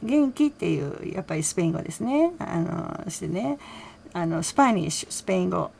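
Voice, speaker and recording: In a casual solo commentary on her own channel, a woman recaps a radio interview, chatting away and relaying quotes with small laughs and plenty of fillers. Her voice is lowish, creaky, and a little mellow, with slight background noise.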